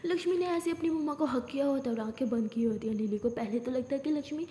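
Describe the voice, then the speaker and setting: High-voiced woman telling a story in an echoey room. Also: quick pace, warm tone, slight background noise. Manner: switches between narrating and acting both characters. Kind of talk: dramatized story narration. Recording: echoey room with long reverb.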